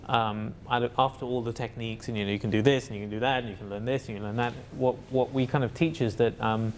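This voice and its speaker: A man's voice: medium pitch, steady tone, fast talker, a little hiss or hum. A man talking as an interview guest about his work as a facilitator, in a reflective and hesitant way with many fillers and restarts. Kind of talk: reflective conversational answer.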